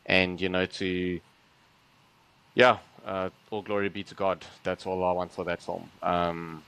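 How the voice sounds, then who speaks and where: A man with a very deep voice talks in easygoing podcast chat. He sounds earnest and enthusiastic, padding his thoughts with fillers as he goes. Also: level tone, measured pace, vocal fry, a bit bright, clean tone, rough recording. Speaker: podcast co-host.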